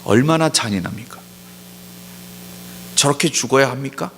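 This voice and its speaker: A man preaching a sermon as pastor, pressing his points with emphatic rhetorical questions and slowing down to stress key words. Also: medium pitch, animated, fairly bright tone, slight background noise. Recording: long hall reverb.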